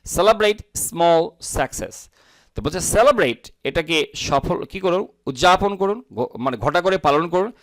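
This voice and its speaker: A man teaching English in Bangla, reading each phrase slowly and repeating words to stress their sound. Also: fairly high pitch, expressive, no echo. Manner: reads English slowly then explains in Bangla, switches pace often. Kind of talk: bilingual language lesson.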